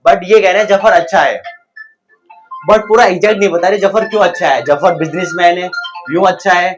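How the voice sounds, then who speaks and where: A man's voice: high voice, fairly quick, soft background music. A man teaching English pronunciation in Hindi, explaining step by step and asking and answering his own questions. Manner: addresses viewers as guys. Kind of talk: Hindi-language English lesson.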